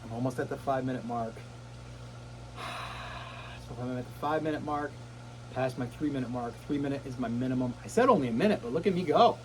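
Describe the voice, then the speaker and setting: A man's voice: medium pitch, very fast, noisy background. A middle-aged man sitting in ice cold water, short of breath, talking casually to camera in short phrases with puffs and exclamations. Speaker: vlogger. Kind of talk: casual self-talk to camera. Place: outdoors in a cold plunge barrel.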